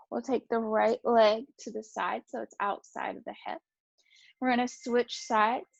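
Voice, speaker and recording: A woman instructor calmly guiding a gentle yoga class, cueing each breath and movement. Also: on the high side, gravelly, no echo, highs cut off.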